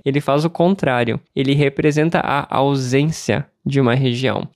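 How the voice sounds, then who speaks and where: A Brazilian man teaching Portuguese on a podcast, explaining calmly and asking and answering his own questions. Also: fairly high pitch, no echo, clean studio sound. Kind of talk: podcast lesson for learners.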